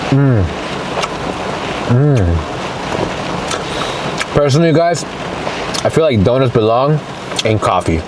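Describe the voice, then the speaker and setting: A man's voice: mid-range voice, expressive, normal speed, long pauses. A man giving a casual mukbang eating review to camera, talking to viewers as guys between bites and savoring hums. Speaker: food review vlogger. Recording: clear ambient background noise.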